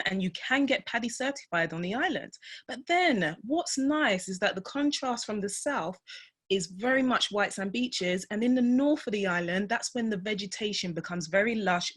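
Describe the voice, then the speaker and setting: A woman's voice: medium pitch, fairly bright tone. A woman from the UK, a tourism trade manager, presenting in a conversational manner with asides and fillers. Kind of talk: guest presentation.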